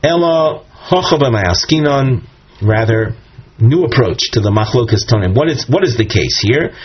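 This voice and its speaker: A man's voice: mid-range voice, animated, normal speed, husky. A man teaching a Talmud lesson, explaining step by step and quoting Aramaic and Hebrew phrases. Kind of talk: text study lesson. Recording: dull lo-fi audio recording.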